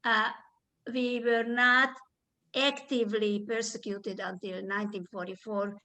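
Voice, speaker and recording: An older woman from Hungary giving her testimony as a survivor, speaking hesitantly with fillers and throat clearing over a video call. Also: mid-range voice, steady tone, unhurried, pushed and bright, rough recording. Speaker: Holocaust survivor guest. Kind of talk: spoken testimony in conversation.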